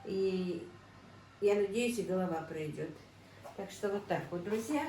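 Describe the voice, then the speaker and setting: A middle-aged woman with a warm, mid-range voice cooks at home in an unhurried way, chatting to her viewers as friends and calling them so again and again in her casual vlog. She is recorded from a distance, with kitchen echo and a faint hum.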